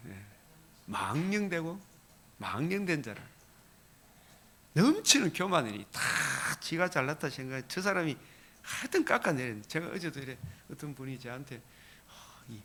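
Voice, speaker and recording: Animated older Gyeongsang-accented preacher. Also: male voice, medium pitch, a little hiss or hum. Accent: Gyeongsang Korean. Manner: animated, asks the congregation rhetorical questions. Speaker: pastor. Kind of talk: early-morning prayer sermon.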